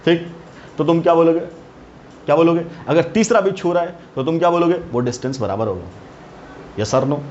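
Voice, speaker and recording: A man's voice: fairly high pitch, moderate pace, pauses often, a little mellow. A male teacher giving a lecture, who keeps checking with his students and calls them "beta". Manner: keeps asking the students questions. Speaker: chemistry teacher. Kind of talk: classroom lecture. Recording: dull lo-fi recording, faint hiss.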